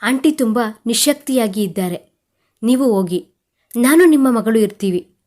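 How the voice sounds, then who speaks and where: A man's voice: extremely high pitch, lively intonation, normal speed, darkish tone. A woman voicing a confident young man who takes charge and reassures an older relative, in a romantic audio story. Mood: reassuring. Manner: firm, reassuring.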